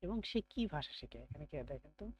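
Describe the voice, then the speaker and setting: A man's voice: fairly high pitch, expressive, quick pace, highs cut off. A man teaching an online beginner German class, calling on students by name, praising them and patiently explaining pronunciation.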